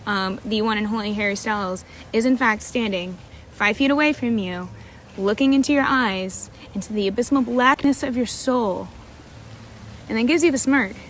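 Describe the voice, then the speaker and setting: A woman's voice: on the high side, moderate pace, slight background noise, low-quality recording. Chatty young woman with a dry delivery. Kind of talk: storytime video to camera.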